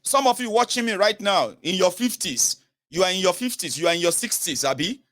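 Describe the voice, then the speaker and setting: A Nigerian man in his late thirties speaks with a southern Nigerian accent, and his voice sits a little high for a man. He talks straight to the viewer in a political commentary, firing questions and dropping into pidgin now and then. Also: expressive, brisk, a bit bright. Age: 30s. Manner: emphatic, questions the viewer directly, mixes in pidgin. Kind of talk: direct-to-camera commentary.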